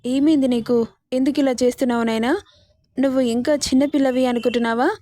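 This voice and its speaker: A woman's voice: high-pitched, fairly even intonation, fast talker, mellow, slight background noise, lightly acted. A woman voicing a middle-aged mother in a spoken story, scolding in grief and anger. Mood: worried.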